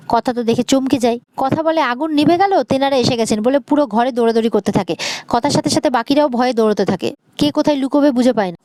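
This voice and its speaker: A woman retelling a TV serial episode in plain, steady narration. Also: a little high, no room sound.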